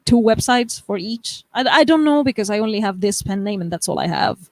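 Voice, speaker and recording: A young woman from the United States hosts a live stream, her medium-pitched voice animated and brisk, with no echo. She chats casually and reads viewer comments aloud, laughing often and restarting her sentences.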